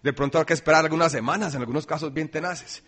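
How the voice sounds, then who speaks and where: A man preaching a sermon, swinging between loud emphasis and quiet asides. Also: fairly high pitch, fast. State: dry throat, coughing.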